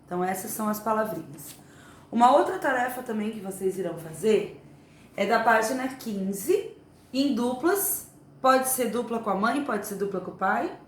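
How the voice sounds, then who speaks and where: A woman teacher giving a remote lesson to young children, explaining slowly and patiently. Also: a little high, expressive. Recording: echoey room, faint ambience.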